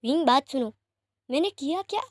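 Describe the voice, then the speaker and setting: A patient young man in a storybook romance, gently bewildered and quick to calm others, voiced by a woman reading aloud. The voice is high and the sound is dry and close. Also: dry recording. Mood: puzzled.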